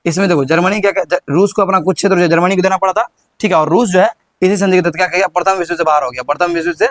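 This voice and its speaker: Racing along in a high voice with fairly even intonation, a young teacher with a Bihari Hindi accent teaches history to a class. He keeps repeating questions and nudging students, often tripping up and restarting, and the recording has no room sound.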